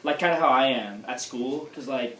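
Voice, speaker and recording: A man's voice: medium pitch, moderate pace, a bit bright, close to an everyday voice. A man playing a vain bragging young nephew. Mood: smug. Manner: self-admiring bragging. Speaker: interviewee. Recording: echoey room, far from mic, background noise.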